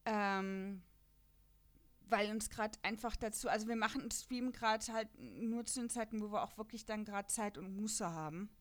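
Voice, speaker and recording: Chatting on her podcast about an audio drama series, a German-accented host talks at a normal speed in a medium-pitched voice. She jokes around and often pokes fun at herself.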